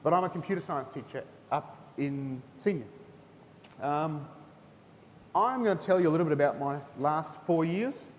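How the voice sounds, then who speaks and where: A New Zealand teacher in his thirties gives a chatty talk at a school chapel, frequently checking in with "okay?" at a moderate pace. The school hall adds reverb and a faint rumble, and the high frequencies are cut off.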